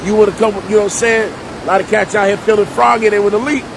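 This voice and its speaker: Fast, creaky, and steady in tone, a middle-aged vlogger and preacher from Jersey City, New Jersey recounts his life story in a casual monologue. His talk is thick with street slang and repetition for emphasis, with loud rumbling behind his voice.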